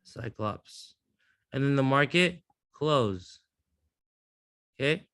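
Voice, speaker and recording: A man's voice: on the high side, normal speed, fairly bright tone, dry recording, studio quality. Profane, blunt male trading teacher. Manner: blunt, profane, rambling restarts. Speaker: trading instructor. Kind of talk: live class teaching.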